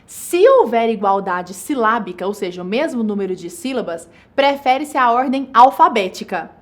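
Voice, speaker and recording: A woman teaching a recorded online grammar lesson, explaining step by step and slowing down to stress each example. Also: fairly high pitch, lively intonation. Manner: explanatory, stresses words slowly and spells out examples.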